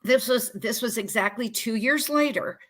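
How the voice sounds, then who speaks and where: This is a woman in her sixties, a health coach being interviewed. She tells her story in an animated, emphatic way, with a voice pitched a little high. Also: moderate pace. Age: 60s. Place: Central Florida.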